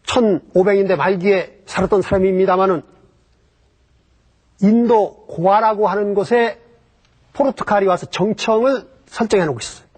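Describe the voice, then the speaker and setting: A man's voice: high voice, normal speed, darkish tone, slightly rough. A man giving a history lecture about Japan, explaining step by step and posing rhetorical questions that he then answers himself.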